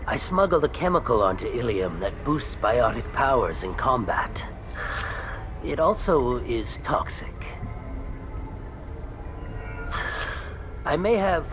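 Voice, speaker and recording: An actor playing a shifty, ingratiating alien merchant in a video game, with a slippery con-artist way of talking. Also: male voice, medium pitch, background noise. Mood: sly, wheedling. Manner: slippery con-artist talk, feigned politeness, hedging.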